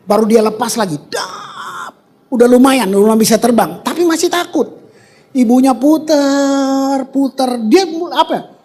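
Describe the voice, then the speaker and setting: Lively man preaching to a church. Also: very high voice. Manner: lively, animated preaching with sudden loud bursts and dramatic pauses; casual street slang mixed with scripture reading. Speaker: pastor. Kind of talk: sermon.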